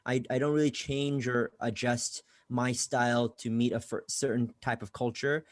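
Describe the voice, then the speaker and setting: A man's voice: medium pitch, little pitch movement, moderate pace, no echo. Casual man with frequent restarts. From Bangladesh, raised in California. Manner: casual, repeats words when starting sentences. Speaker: guest, career coach. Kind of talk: conversational podcast interview.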